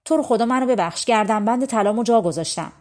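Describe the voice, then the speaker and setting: A woman's voice: fairly high pitch, darkish tone, voice pushed up, lightly acted. A woman voicing an anxious young bride in a fairy tale, speaking in a raised, pleading voice. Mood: panicked.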